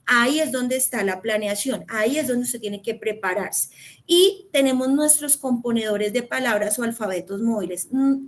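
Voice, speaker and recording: With a high voice and a Colombian accent, this woman from Colombia earnestly addresses teachers in a training session aimed right at them.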